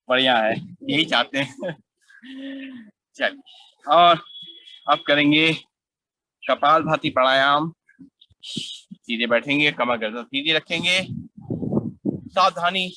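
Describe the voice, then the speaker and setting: A middle-aged man leading a guided yoga class outdoors, calmly instructing and counting breaths aloud in a steady rhythm. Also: mid-range voice, no room sound, poor audio.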